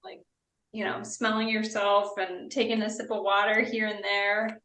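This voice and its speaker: A woman's voice: mid-range voice, little pitch movement, moderate pace, pushed and bright. A woman in a casual, conversational chat. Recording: roomy echo, distant from mic.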